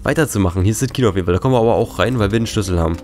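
A man's voice: fairly low pitch, very fast. A young man, slightly congested, giving casual, slangy and jittery commentary as a scared horror game streamer. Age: young adult. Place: indoors at a gaming desk. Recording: game music behind the voice. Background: game music and sounds.

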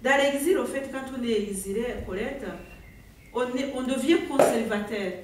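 Rwandan-accented woman author, a touch high, halting speech, recorded from far off in a very reverberant room. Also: very noisy. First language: Kinyarwanda. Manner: hesitant, often searching for words. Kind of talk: conversation at a book presentation. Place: bookshop event room. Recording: very echoey room, voice far from mic.

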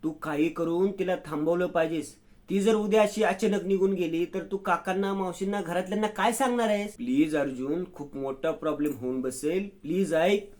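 A man doing a worried young man from a retold serial, pleading and coaxing in a fairly high voice. His narration slips into this friend's lines with only a light change. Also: moderate pace, darkish tone, natural voice. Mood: urging.

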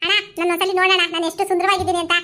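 A woman playing a sly flattering village woman. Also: very high voice. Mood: wheedling. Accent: Mandya Kannada. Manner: coaxing, flattering, quick retorts. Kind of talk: village comedy skit acting.

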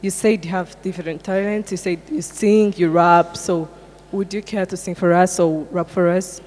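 A woman's voice: on the low side, fairly even intonation, normal speed, darkish tone, big-room sound. A young woman playing a talk show host in a comedic stage sketch, asking upbeat interview questions.

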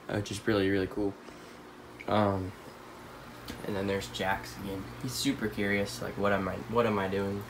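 A stuffy-nosed teen boy runs a pet channel and rambles casually with many fillers while filming, on a handheld phone, the tanks that fill a room at home. His voice is on the low side yet fairly bright. The recording is low quality, with slight background noise.

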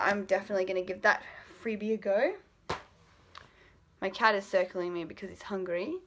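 Aussie woman late 20s, bright higher voice, rambly haul chat from her bedroom on the camera mic. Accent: Australian. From Australia. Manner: chatty, rambling, lots of ums. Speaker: vlogger. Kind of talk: casual product haul chat. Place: bedroom at home. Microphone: built-in camera mic at arm's length.

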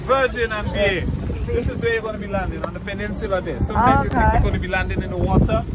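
A man's voice: high-pitched, fast, over a noisy crowd. A man giving informal tour commentary as a guide.

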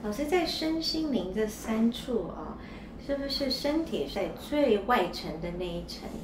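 A woman's voice: a little high, animated, measured pace. A woman as interviewer, politely asking a teacher for his views in a deferential way. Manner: deferential, often affirming with short replies. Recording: distant mic in an echoey room with noise.

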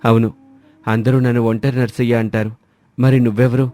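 A gentle old villager who lives alone, voiced by a man, talking in a mellow, warm tone. He is soothing and unhurried in manner, and he speaks as a storybook grandfather would. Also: mid-range voice, flat delivery, lightly acted. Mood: reassuring. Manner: gentle, reassuring. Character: lonely old village man, calm and kindly.

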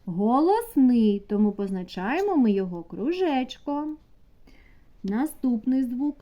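A woman teaching a preschool class, asking the children slow, sing-song questions. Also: on the high side, big pitch swings, muffled recording. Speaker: kindergarten teacher. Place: kindergarten classroom.

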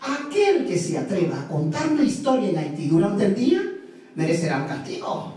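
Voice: medium pitch, big pitch swings, moderate pace, warm tone. A storyteller telling a folk tale live with playful, sing-song repetitions. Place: live event room. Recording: echoey live room from far off.

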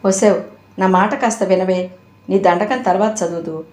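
A woman's voice: medium pitch, fairly even intonation, normal speed, a little mellow, close to an everyday voice. A woman voicing a grumbling, self-serving middle-aged father who snaps at his wife, recorded in an echoey room. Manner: grumbling, scolding.

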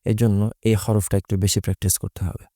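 Low, dark-voiced man teaching letters. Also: flat delivery, no room sound, studio quality. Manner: patient, methodical, repeats letter names with drawn-out sounds. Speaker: Quran recitation teacher. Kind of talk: explaining Arabic letters and pronunciation.

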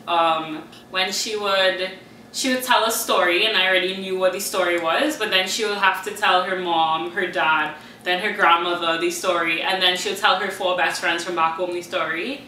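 Hesitant young woman, bright roomy sound. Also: mid-range voice, moderate pace. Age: young adult. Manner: hesitant, many ums and likes. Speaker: university student. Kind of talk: casual chat. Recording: roomy, mic at a distance, faint hiss.

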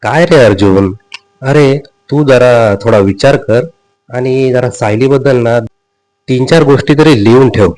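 A teasing middle-aged mother who orders her son about in a brisk, coaxing way, put on by a man retelling the episode. His voice stays near his own register. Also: mid-range voice, natural voice. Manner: coaxing, brisk, hushed at times.

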